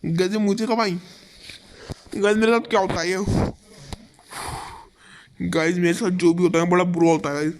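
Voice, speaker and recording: A young man giving excitable live commentary over his own game, calling his viewers "guys" again and again. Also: high voice, moderate pace, long pauses, slight background noise. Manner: excitable, fills every phrase with "guys". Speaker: gaming YouTuber.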